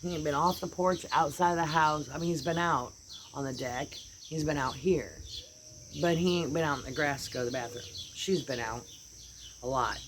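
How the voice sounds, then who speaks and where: Her voice sits low and moves at normal speed. Seated outside on a porch, the American vlogger rambles animatedly about her dogs in casual conversation, even speaking their thoughts aloud, while birds and insects make outdoor noise behind her.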